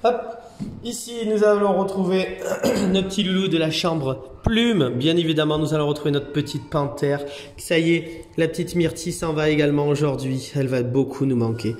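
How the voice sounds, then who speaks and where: A middle-aged French man who runs a cat hotel, talking softly to the cats in coaxing baby talk and calmly explaining to viewers. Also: fairly high pitch, moderate pace. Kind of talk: casual vlog narration talking to cats.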